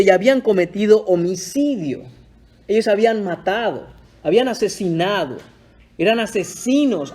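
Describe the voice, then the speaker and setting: Male pastor, high voice, emphatic, dramatic sermon delivery. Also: a little mellow. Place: church.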